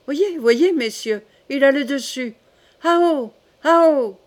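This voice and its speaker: A woman reading the part of an excited young king in an audiobook, calling out loudly to his falcon. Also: high-pitched, normal speed, voice pushed up, close to an everyday voice. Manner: loud eager cries.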